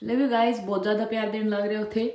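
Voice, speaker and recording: A woman's voice: medium pitch, little pitch movement, fast, warm tone. A young woman in her twenties with a Rajasthani accent, chatting playfully and teasing as a vlogger while riding in a car. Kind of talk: casual vlog chatter. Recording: roomy sound with faint background noise.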